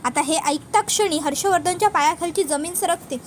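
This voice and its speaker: Very high-pitched woman narrating. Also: fairly quick, a little hiss or hum. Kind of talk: retelling a TV serial episode.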